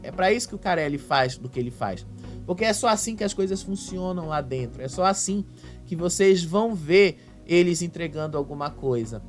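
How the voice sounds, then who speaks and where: A man with a Brazilian Portuguese accent, chatty in his casual commentary, recapping a reality show and retelling its fights with emphatic rises. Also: fairly high pitch.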